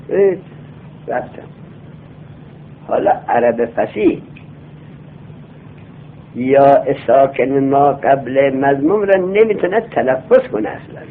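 A male teacher giving a classroom lecture. He reads lines of a text aloud slowly, then explains them and quizzes his students. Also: mid-range voice, slight background noise. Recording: tinny lo-fi phone-like sound.

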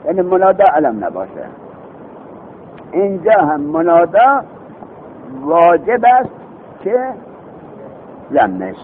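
Lively-voiced man teaching grammar. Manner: quizzes students and recites examples slowly. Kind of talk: classroom grammar lesson. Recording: tinny phone-like recording with faint vehicle rumble.

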